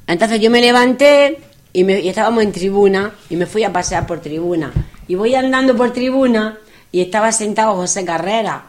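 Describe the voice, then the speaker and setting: Lively woman telling anecdotes. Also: mid-range voice, normal speed. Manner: lively, animated anecdotes with acted quotes. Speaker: guest telling travel stories. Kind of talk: casual storytelling chat.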